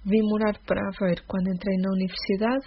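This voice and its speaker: Flat-voiced Portuguese woman reading aloud. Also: mid-range voice, fast, slight background noise. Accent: European Portuguese. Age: 20s. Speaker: guest giving a testimony. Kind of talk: reading a prepared testimony. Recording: dull lo-fi recording.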